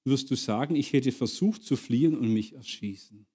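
A hulking man, scared and close to crying, pleads in a soft, husky voice, read aloud by a male preacher. He sounds quiet and broken. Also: mid-range voice, moderate pace, natural voice. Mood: fearful. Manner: soft, near tears. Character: big frightened male prisoner, tearful and pleading.

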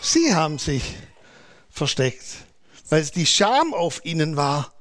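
A middle-aged male pastor preaching a sermon in a lively, conversational way, acting out short quotes. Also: on the high side, slow.

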